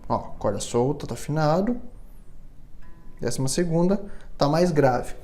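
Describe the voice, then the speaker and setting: A man's voice: on the high side, animated, a little slow, a little mellow, soft background music. A man, giving a patient, step-by-step hands-on tutorial in a luthier's workshop and checking in often with his viewers. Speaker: luthier instructor.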